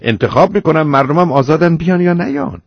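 A man with a husky, slightly breathy voice hosts a call-in advice program. He lectures patiently but firmly, pressing his points home. The sound is dry and muffled like an old broadcast. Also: a little high, animated, dry recording. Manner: lecturing, patient but firm, calls caller 'dear'. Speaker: radio advice host.

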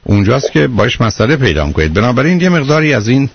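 A middle-aged man giving parenting advice to callers on a radio call-in show, in a calm and patient manner. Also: mid-range voice, gravelly, breathy edge. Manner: calm, patient, explaining at length. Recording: muffled radio broadcast.

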